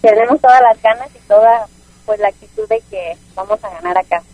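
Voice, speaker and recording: High-voiced Mexican woman in her twenties. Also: a little fast, no room sound, phone-quality sound. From Jalisco, Mexico. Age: 20s. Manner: brief, polite answers. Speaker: football player guest. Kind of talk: phone interview.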